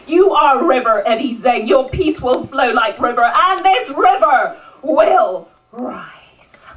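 A woman's voice: sits high, animated, slow, a bit bright. A woman performing rhythmic spoken-word poetry at a live benefit event, rousing the audience into call-and-response. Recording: voice picked up from a distance at a live event.

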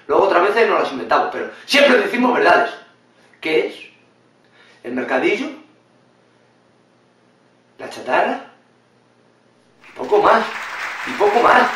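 High, bright-voiced man in an echoey room. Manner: animated, blunt and swearing, mimics others in funny voices. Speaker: vlogger reacting to a video. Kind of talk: casual opinionated commentary. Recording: very echoey room, mic at a distance.

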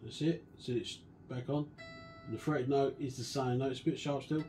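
A man casually walking through a guitar restoration and explaining each step in a relaxed, chatty way. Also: medium pitch, moderate pace. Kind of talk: casual workshop demonstration.

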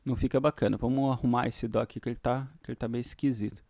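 In a mid-range, steady, darkish voice, a Brazilian man talks rapid-fire while narrating a casual music production screencast indoors. He thinks aloud informally over the screen recording and regularly checks in with brief tag questions.

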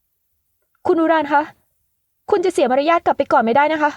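A woman's voice: high-pitched, normal speed, no echo, pitched above the performer's own voice, lightly acted. A woman reading an audiobook and voicing a playful young woman who teases in a sweet, coaxing way. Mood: teasing. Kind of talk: audiobook character voice.

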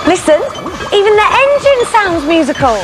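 A woman in her thirties presenting a children's TV show in a studio, speaking in a bright, encouraging way to children. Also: extremely high pitch, very animated, normal speed. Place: colourful TV studio set, indoors. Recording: studio with loud music behind.

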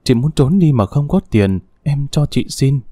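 A man voicing a frightened young servant girl who pleads softly and tearfully. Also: mid-range voice, expressive, normal speed, no room sound, studio quality, natural voice. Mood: hushed.

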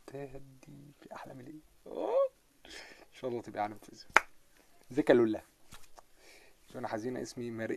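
A man with a gravelly, mid-range voice and an Egyptian Arabic accent hosts a casual live stream. He reads out comments and jokes with viewers, staying animated and laughing a lot.

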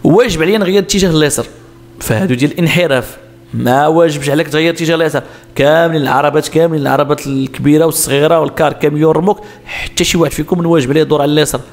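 Fast-talking Moroccan driving instructor man. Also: a little high. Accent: Moroccan Arabic. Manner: explains answers step by step, asks and answers himself. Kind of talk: road sign exam lesson.

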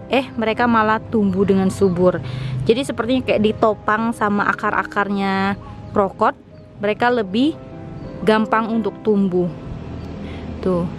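A young woman narrating a casual tour of her rooftop garden, chatty and enthusiastic as she explains each plant. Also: mid-range voice. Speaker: vlogger, home gardener.

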